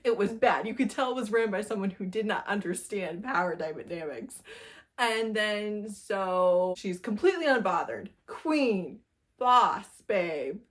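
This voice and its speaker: A woman gushes about a book in her casual monthly reading wrap-up, giggling and laughing frequently while repeating words to stress them. She has a medium-pitched, expressive voice and an unhurried delivery.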